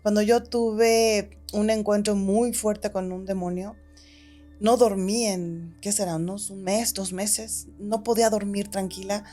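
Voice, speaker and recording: A woman, a podcast guest, telling a story in a lively way and acting out the quotes. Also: measured pace, faint music behind. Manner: animated, acts out quotes, shifts pitch when telling the story. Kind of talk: casual storytelling.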